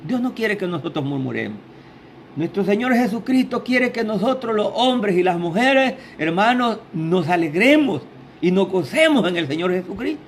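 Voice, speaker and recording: A high-pitched man preaches in a small church. He is fervent, tosses in tag questions to the listeners, and his pitch rises and falls widely. A faint ambient murmur sits behind his voice. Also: very animated, moderate pace, slight background noise. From El Salvador. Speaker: lay preacher. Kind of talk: sermon.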